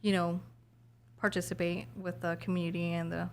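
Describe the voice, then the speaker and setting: A woman's voice: fairly low pitch, little pitch movement, moderate pace, gravelly, a little mellow, a little hiss or hum. A woman in her thirties from New Mexico, a police officer telling stories casually in an interview, with many fillers. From New Mexico, USA. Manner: chatty, laughing anecdotes with lots of "like". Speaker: police officer, podcast guest.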